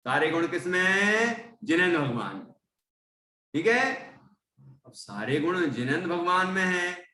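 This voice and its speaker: A man teaching scripture chants each verse slowly in a slightly high, bright voice. After each verse he explains the pronunciation and meaning, pausing often to check that his listeners are following. He sounds a little distant, in a roomy space with faint background noise. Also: very animated. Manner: frequent "theek hai" checks with listeners. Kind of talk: recitation and line-by-line teaching.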